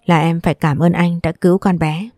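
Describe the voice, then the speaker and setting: A frantic, tearful mother in a storybook, her voice hoarse from crying, as a woman narrator reads her. The delivery is low and warm, and the sound is dry and close. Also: level tone, a little fast, no echo, soft background music. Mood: worried. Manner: pleading, anguished.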